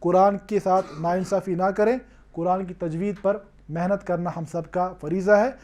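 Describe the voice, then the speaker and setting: A man's voice: high-pitched, steady tone, normal speed, darkish tone. A man from Kashmir teaching a lecture on Quran recitation, often stopping to check that students follow. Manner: explanatory, repeats checking questions to students.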